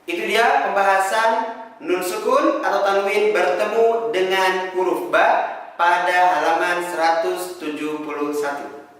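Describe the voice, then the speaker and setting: Very reverberant room, high male voice, Indonesian accent, Quran teacher, deliberate over-enunciated instruction. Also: steady tone, fairly bright tone. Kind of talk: instructional lesson with chanted examples. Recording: very echoey room, distant microphone.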